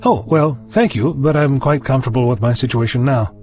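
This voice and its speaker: A man's voice: medium pitch, brisk, darkish tone, faint music behind, close to an everyday voice. A man playing an eccentric, curious time-travelling doctor in an audio drama, polite but dismissive, with a musing theatrical delivery. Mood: calm, dismissive. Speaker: lead actor in an audio drama.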